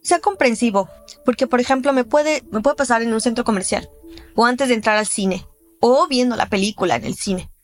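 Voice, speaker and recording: A woman's voice: a little high, fairly quick, soft background music. A Mexican woman living with chronic pain tells her story candidly and emotionally, often acting out what others say to her. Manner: candid, emotional, with restarts and reenacted quotes. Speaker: interviewee. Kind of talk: personal testimony in a podcast.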